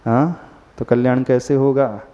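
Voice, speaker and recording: A man's voice: medium pitch, fairly even intonation, unhurried, dark tone. A man, a Jain monk, giving a sermon and often asking the listeners questions. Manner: questions the listeners often and mixes in English words. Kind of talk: sermon to a gathered audience. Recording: long hall reverb, dull lo-fi sound.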